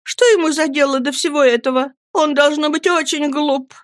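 A woman voicing a childish, timid young woman in a storybook reading, speaking in a high, pleading, childlike voice. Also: steady tone, normal speed, no echo, studio quality, lightly acted. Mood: frightened pouting.

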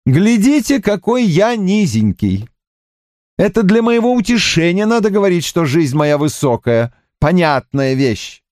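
A man's voice: high voice, big pitch swings, unhurried, darkish tone, no echo, clean studio sound, pitched above the performer's own voice. A man voicing a wry, self-mocking old army doctor in an audiobook. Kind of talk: audiobook character reading.

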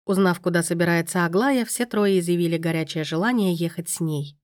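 A woman reads a story aloud with a sardonic, conversational edge. Her voice sits low, and the recording is close and dry, with no room sound. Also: fairly quick, a little mellow, no echo. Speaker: audiobook narrator. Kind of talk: scripted narration.

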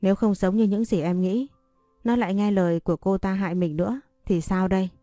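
A woman reading a story voicing a cold, stern young husband who asks sharp questions. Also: mid-range voice, steady tone, fairly quick, no echo, clean studio sound, faint music behind, close to an everyday voice.

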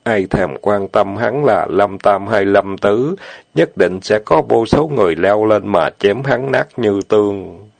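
Gravelly low-voiced male narrator. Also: measured pace, dry recording. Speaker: audiobook narrator. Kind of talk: storytelling narration.

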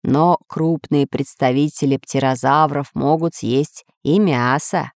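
A calm, learned geographer explaining creatures in a children's storybook, put on by a woman narrator. His voice is steady and lowered, and the recording is dry. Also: slow, no echo.

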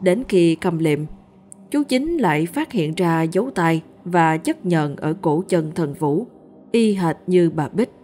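A woman narrates a first-person ghost story at a steady, measured pace. Her voice sits low and mellow, with faint music under it.

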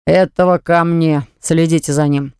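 A domineering, jealous man, as the reader puts him on, barking orders and accusations at the people around him. The voice is smooth and crisp. It is set close and dry, as in an audiobook. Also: on the high side, steady tone, normal speed, a little mellow, no echo, close to an everyday voice. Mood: commanding. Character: jealous, domineering male hotel owner, adult. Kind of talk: audiobook character voice.

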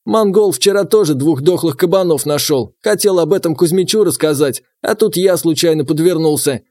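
A man voicing a gruff, grumbling old huntsman who talks to his apprentice. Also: on the high side, normal speed, a little mellow, pitched above the performer's own voice, lightly acted. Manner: grumbling, brusque.

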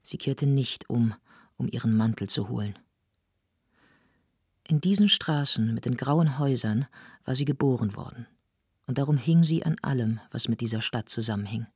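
A woman narrating a novel in an audiobook, in a measured, serious reading. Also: a bass voice, husky, no room sound, clean studio sound.

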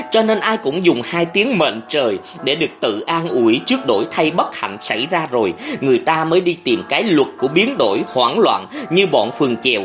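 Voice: mid-range voice, a bit bright. A narrator voicing a young male scholar-aide who speaks in bitter, heated outbursts in an audiobook. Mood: earnest. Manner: heated, raised voice, fast outbursts. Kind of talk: audiobook character voice.

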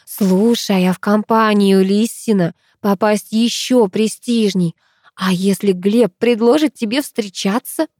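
A woman voicing a chatty, excitable teenage schoolgirl who gossips in rapid chatter. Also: medium pitch, no room sound, clean studio sound, close to an everyday voice. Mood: chatty, excited.

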